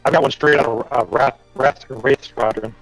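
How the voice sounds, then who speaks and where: A man's voice: medium pitch, steady tone, moderate pace, faint music behind, rough recording. Man on a choppy call, voice breaking up. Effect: choppy online connection, voice breaking up. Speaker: tabletop game player. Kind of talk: casual chat over an online call. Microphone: wireless headset.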